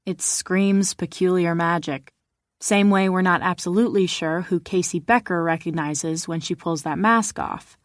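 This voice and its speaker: A woman's voice: fairly low pitch, fairly even intonation, moderate pace, no echo, studio quality, natural voice. A woman narrator voicing Jennifer, a guarded, wry young woman who talks in a subdued way. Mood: dry.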